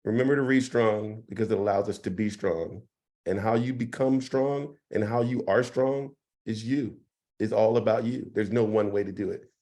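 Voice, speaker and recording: A man with a hoarse, partly lost voice, hosting a casual interview in an encouraging, appreciative way. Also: fairly low pitch, normal speed, warm tone. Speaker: host.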